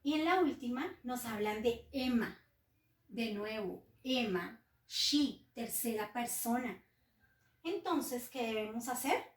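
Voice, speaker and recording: High-voiced woman teaching slowly, echoey room. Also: expressive, far from the mic. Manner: slow, patient explaining, addresses pupils as children. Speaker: English teacher. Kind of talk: recorded classroom lesson. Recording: roomy echo, voice set back from the mic.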